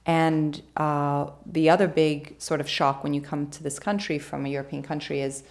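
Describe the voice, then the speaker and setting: A woman from Switzerland with a low voice hosts an interview. She asks curious questions and adds personal asides as she goes. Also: little pitch movement, moderate pace, a little mellow. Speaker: host. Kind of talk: interview hosting.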